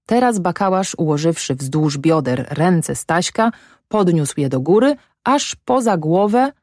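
A woman reads a literary story aloud in a steady, measured way. Her voice sits on the low side and sounds dry and close. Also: no echo. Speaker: audiobook reader. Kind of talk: scripted narration.

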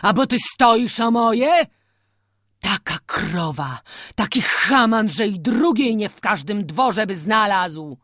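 A woman reading aloud voices an old, quick-tempered village farmer who scolds in rough country dialect. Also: medium pitch, animated, no echo, clean studio sound, voice pushed up, close to an everyday voice. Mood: angry. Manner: angry scolding peasant dialect.

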